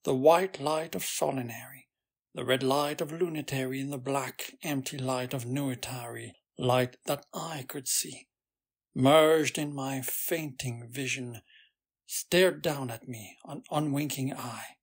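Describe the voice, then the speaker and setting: Slow, husky male bedtime storyteller. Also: medium pitch, steady tone. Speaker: audiobook narrator. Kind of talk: slow bedtime reading of a fantasy novel.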